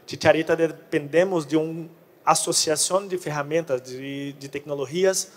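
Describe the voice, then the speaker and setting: A Brazilian man with a fairly high voice presents to an audience in portunhol. His native Portuguese is mixed with Spanish words throughout. The sound carries the long reverb of a large hall. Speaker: conference speaker on crop pest control.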